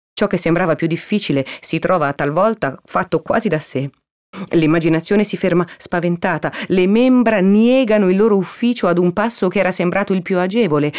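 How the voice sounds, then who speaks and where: A woman narrating a classic novel aloud in a measured, dramatic reading style. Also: on the low side, darkish tone.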